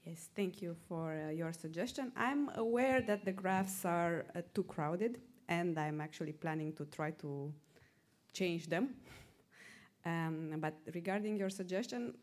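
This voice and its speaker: A woman presenter answering audience questions at a conference, measured and hesitant, with frequent fillers. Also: on the low side, a little mellow.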